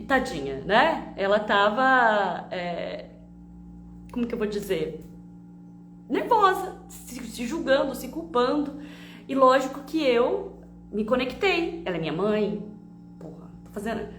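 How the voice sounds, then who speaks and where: Brazilian woman teaching w/ stories, kinda high voice, roomy sound w/ a faint hum. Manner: expressive, animated storytelling with frequent tag questions. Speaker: emotional education teacher. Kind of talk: explanatory talk with personal story.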